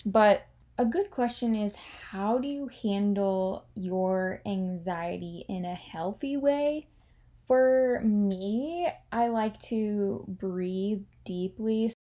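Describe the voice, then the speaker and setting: A woman's voice: mid-range voice, mellow, muffled recording. A woman in her twenties hosting her own podcast, talking candidly and casually, full of "like" and the odd swear word. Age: 20s. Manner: candid and chatty, heavy filler "like", swears freely. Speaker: podcast host. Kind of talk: casual confessional monologue.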